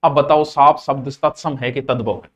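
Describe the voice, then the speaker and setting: A man's voice: mid-range voice, fairly even intonation, moderate pace, highs cut off. A man teaching Hindi grammar to a class, drilling words by repeating them again and again and slipping in playful, folksy asides. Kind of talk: classroom lecture.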